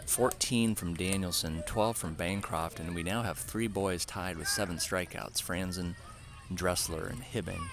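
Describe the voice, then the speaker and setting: A man's voice: low voice, a bit bright. A man doing casual play-by-play for a youth baseball game, with dry joking asides between calls. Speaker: play-by-play announcer.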